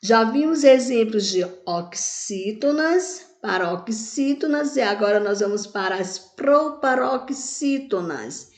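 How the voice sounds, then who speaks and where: In an echoey room, a woman teaching Portuguese grammar speaks slowly and expressively in a voice on the high side, with few pauses. She draws words out syllable by syllable and poses questions she then answers herself.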